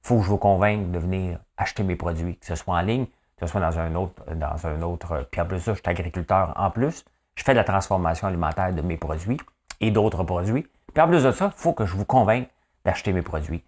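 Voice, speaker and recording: Chatty Québécois man, lowish voice. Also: brisk, darkish tone. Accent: Quebec French. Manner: chatty, rhetorical, keeps asking "hein?". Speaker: podcast host and farmer. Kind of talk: casual daily news monologue.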